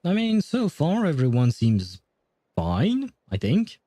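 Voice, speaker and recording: On a gaming livestream, a man with a highish, dark-toned voice and wildly swooping pitch talks slowly and casually with viewers, rambling, hesitating, and chuckling often. The sound is clean and studio-like with no room sound, apart from faint game music.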